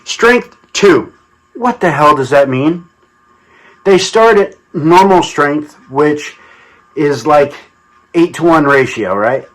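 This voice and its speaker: A man's voice: a little high, animated, slow pace, rough recording. A man chatting casually to camera as a product reviewer, with a folksy, colloquial and emphatic way of talking. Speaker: product reviewer and channel host.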